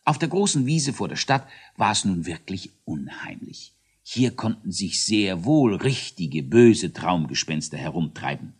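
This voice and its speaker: A man narrates a children's storybook with lively, animated intonation. His voice is fairly low and slightly husky. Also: measured pace.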